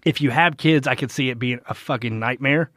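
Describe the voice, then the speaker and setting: A man's voice: mid-range voice, fairly quick, a bit bright, no echo. Dry-miked man rambling casually. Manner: rambling, heavy filler words and swearing. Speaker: podcast co-host. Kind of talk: casual chat.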